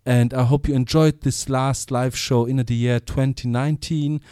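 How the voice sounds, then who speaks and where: A man's voice: mid-range voice, fairly even intonation, moderate pace, dark tone, smooth, no room sound, studio quality. A man with a German accent, a native German speaker, hosting a radio show with a casual, chatty sign-off.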